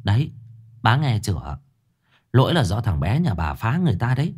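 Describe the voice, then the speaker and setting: Stern, scolding, quick, village shamaness in a folk tale, voiced by a man. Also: lowish voice, huge pitch swings, darkish tone, slightly rough, full character voice. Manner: scolding, brisk.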